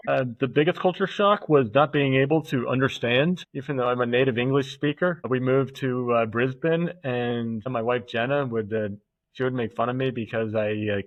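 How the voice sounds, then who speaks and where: An American man appears as a guest on a podcast, thinking aloud in a thoughtful, halting way with many fillers, restarts and returns to earlier points. His mid-pitched voice sounds dry and close with no echo, though the recording is dull and slightly muffled.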